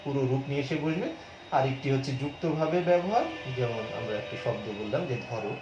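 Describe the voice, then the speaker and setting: A man's voice: mid-range voice, expressive, fast, over music. A middle-aged male teacher giving a patient grammar lecture, explaining step by step and repeating key terms and example words. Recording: muffled, echoey room with faint hum.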